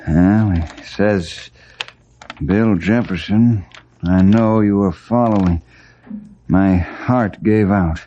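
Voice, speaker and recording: An actor playing a steadfast, plain-spoken forest ranger leader in an old-time radio western, folksy and earnest, on a vintage radio recording. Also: male voice, low voice, takes it slowly, pauses often, dark tone, dull audio, slight background noise. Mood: grave.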